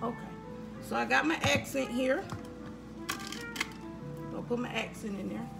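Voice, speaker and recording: A cooking vlogger chats casually with her viewers in her home kitchen, calling them y'all in a folksy, talkative way. Her voice is on the high side and a little slow, with vocal fry. A camera on the counter, moved around, picks her up in an echoey kitchen with background music playing.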